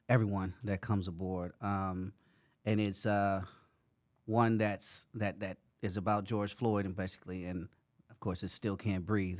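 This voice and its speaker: A man's voice: low-pitched, dry recording. A man hosting a podcast, asking questions casually with lots of hesitant fillers. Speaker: podcast host. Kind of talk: casual conversation.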